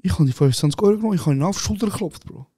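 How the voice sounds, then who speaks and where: Aufgedrehter Schweizer, Anekdoten mit Bro. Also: male voice, sits high, racing, husky, dry recording, clean studio sound. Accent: Swiss German. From Switzerland. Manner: excited anecdote telling, acting out other people with shouts, calls the other host "Bro". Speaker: podcast co-host. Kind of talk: casual chat, animated storytelling.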